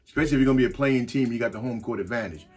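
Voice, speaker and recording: A man's voice: mid-range voice, rapid-fire, darkish tone, husky, soft background music. A man co-hosting a casual sports podcast, talking loosely with frequent restarts and slang. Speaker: podcast co-host.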